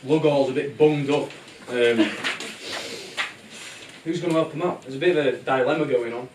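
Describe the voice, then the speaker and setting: A man with a medium-pitched voice narrates a live puppet show at a moderate pace, irreverent and informal as he ad-libs a comic story. The show takes place in a room with music behind him, captured from a distance with a roomy sound, loud music and background noise.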